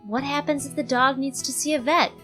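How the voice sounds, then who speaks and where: A woman's voice: sits high, fairly even intonation, fairly quick, a bit bright, soft background music. A woman playing a concerned, sensible roommate in a comedy sketch, reasoning cautiously.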